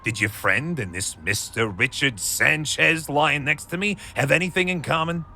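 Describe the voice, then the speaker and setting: An actor playing a gruff, sarcastic, brusque police detective with a gravelly voice in a video game. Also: male voice, a little high, moderate pace, sharp tone, a little hiss or hum. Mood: exasperated, dismissive. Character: gruff, dismissive, cynical male police detective.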